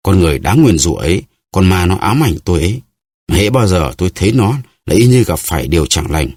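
A hot-headed young musketeer, voiced by a male narrator in a storybook reading. His low voice presses forward with urgent passion. The recording is close and dry. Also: big pitch swings, quick pace, a little mellow, breathy edge, no echo, heavily acted. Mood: furious. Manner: impassioned, urgent.

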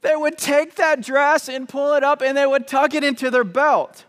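High-voiced male pastor in echoey church. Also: fairly even intonation, moderate pace, fairly bright tone. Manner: conversational and joking, with repeated false starts. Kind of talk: sermon. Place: church sanctuary.

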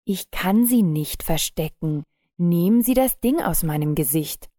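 Woman reading as no-nonsense shop lady in her fifties, steady and firm, warm darkish voice, dry sound. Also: medium pitch, a little slow, dry recording. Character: resolute kiosk owner woman in her fifties.

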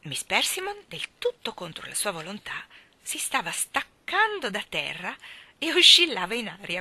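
A woman reading a children's book aloud with even, clear storytelling. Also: medium pitch. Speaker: reader.

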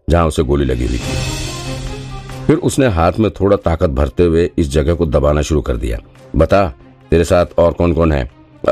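A man with a darkish bass voice gives dramatic scripted narration of a thriller audiobook, voicing each of the characters himself.

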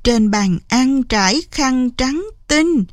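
A woman reads a fairy tale aloud in an expressive storybook manner. Her pace is very slow and her voice sits a little high. The recording is dry and close. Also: dry recording. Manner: expressive, unhurried reading. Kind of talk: storybook narration.

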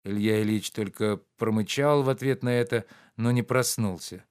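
Male audiobook narrator, low voice, calm literary reading. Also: normal speed, smooth.

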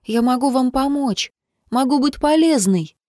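A woman voicing a stubborn eighteen-year-old girl who talks in a high, insistent, pleading way. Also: animated, a little slow, mellow, dry recording, clean studio sound.

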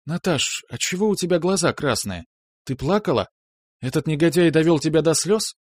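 A man's voice: a little high, animated, normal speed, breathy edge, no room sound, pitched above the performer's own voice. A man reading an audiobook, raising his voice to play a playful, bossy young wife who is a student. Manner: playful, mock-stern, decisive.

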